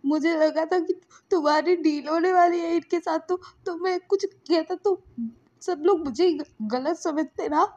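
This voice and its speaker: A woman's voice: high-pitched, moderate pace, mellow, pitched above the performer's own voice, natural voice. A woman voicing a timid young man who pleads and stammers, in a fan story reading with dull, lo-fi sound. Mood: tearful.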